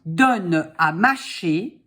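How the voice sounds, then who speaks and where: Woman dictating slowly, with swooping intonation. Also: lowish voice, expressive, sharp tone. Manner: dictating, drawing out words deliberately; didactic, posing questions and answering them herself. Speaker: French dictation teacher. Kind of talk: dictating slowly word by word, with spoken punctuation and spelling explanations.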